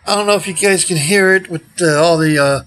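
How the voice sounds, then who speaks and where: An older man in his sixties, his voice recovering after he nearly lost it to a recent illness, chats haltingly into a phone at arm's length outside next to a brick building. The selfie vlog rambles, and his sentences often trail off. His voice sits high and a bit bright, with faint music playing behind.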